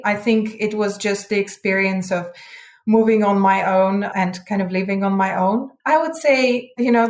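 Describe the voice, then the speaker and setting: A woman in her thirties, raised in Russia, answers interview questions in an articulate, upbeat way, with the odd filler word. Her voice sits at an ordinary middle pitch. The room around her gives a noticeable echo. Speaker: guest, hedge fund head of research. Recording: roomy echo.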